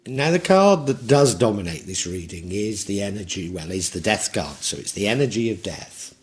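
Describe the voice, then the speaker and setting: A man's voice: lowish voice, lively intonation, normal speed. A man in his sixties giving a tarot reading in a reflective, rambling way with frequent restarts. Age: 60s. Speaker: tarot reader.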